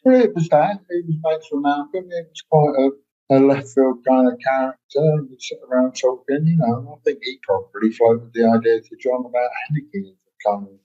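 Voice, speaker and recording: A man's voice: mid-range voice, a little fast, warm tone. A man in his sixties, a musician being interviewed, telling stories in a rambling way and often correcting himself mid-sentence. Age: 60s. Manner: rambling, self-correcting storyteller. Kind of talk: casual anecdotal chat. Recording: dull lo-fi sound.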